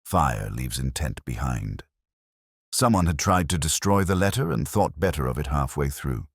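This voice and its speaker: In an extremely deep voice with a creaky, breathy edge, a man narrates a first-person detective story, measured and reflective, with a literary flair and lively pitch movement. The recording is dry, close, and free of echo.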